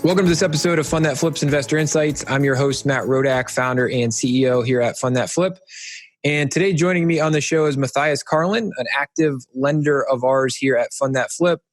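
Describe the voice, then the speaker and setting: A man's voice: mid-range voice, a little fast, no echo, faint music behind. A man hosting an interview podcast, chatting casually and friendly with plenty of fillers and restarts. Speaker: podcast host, company founder.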